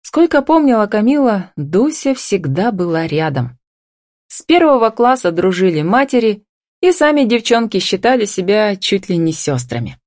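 A woman narrating a novel as an audiobook in an even, expressive storytelling voice. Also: medium pitch, moderate pace, no echo, studio quality. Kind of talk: scripted narration.

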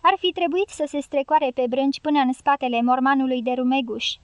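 Bossy, cursing guerrilla matriarch for an audiobook, high and dry, read by a woman narrator. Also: fairly even intonation, no echo, highs cut off, lightly acted. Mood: commanding. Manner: commanding, swearing. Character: fierce foul-mouthed middle-aged female guerrilla leader. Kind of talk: audiobook character reading.

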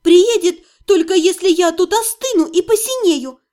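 A woman voicing a sharp-tongued young witch heroine in an audiobook, quick-tempered and indignant. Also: extremely high pitch, voice pushed up. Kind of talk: audiobook reading.

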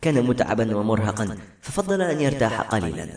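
Man, audiobook narrator, fast steady novel reading, echoey room. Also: lowish voice. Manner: steady, brisk storytelling.

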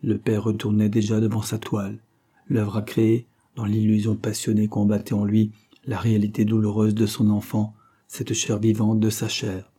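Guy reading a classic novel aloud, measured and grave, very dark mellow voice, kinda low. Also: monotone, husky. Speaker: audiobook narrator. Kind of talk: literary audiobook narration.

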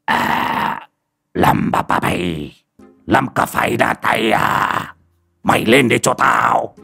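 A man voicing a boastful, cowardly old exorcist in a storybook tale, who blusters in gruff barks and cracks into shrill, panicked cries. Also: little pitch movement, rapid-fire, soft background music, heavily acted. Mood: gruff commanding.

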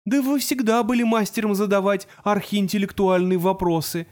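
A man voicing an ancient, gloomy male robot in an audiobook, with a creaky, grating voice and a slow, moaning, self-pitying drawl. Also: sits high, fairly even intonation, a little mellow, pitched above the performer's own voice, close to an everyday voice. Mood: mournful. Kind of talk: audiobook character voice.

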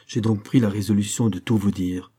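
A man's voice: lowish voice, fairly even intonation, a little fast, dark tone, husky. A man reading a stern cold bishop. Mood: grave.

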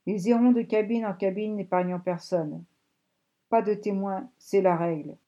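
Scheming old German ex-soldier, read by a woman, urgent and loud, mellow dark tone. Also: mid-range voice, fairly even intonation, moderate pace, lo-fi sound, lightly acted. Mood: grim. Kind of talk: audiobook reading.

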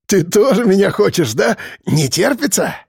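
A man's voice: high voice, big pitch swings, moderate pace, gravelly, husky, no echo, studio quality, voice pushed up, full character voice. A man voicing a lecherous young male convict in an audiobook, with a strained, wheezing voice. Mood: leering.

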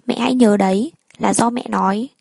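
A woman reading the part of a calm, curt young man. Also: on the high side, a little fast, vocal fry, husky, no echo. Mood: cold. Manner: curt, cold.

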